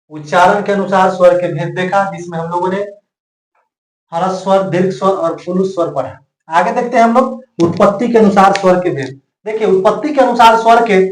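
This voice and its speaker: Guy teaching grammar, highish voice, keeps repeating stuff, echoey room. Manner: repetitive, drills points by repeating them. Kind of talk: classroom grammar lesson.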